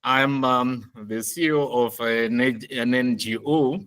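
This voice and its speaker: Slow, hesitant man, off-mic. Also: mid-range voice, steady tone, fairly bright tone, recorded from a distance. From Uganda. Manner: slow and hesitant, many fillers. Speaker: NGO head.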